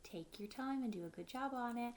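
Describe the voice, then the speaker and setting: A little fast and a little mellow, a woman's fairly high voice comes through with a slight hiss or hum. She's in her thirties, reading a picture book aloud like a teacher in her living room and adding short, simple explanations for children.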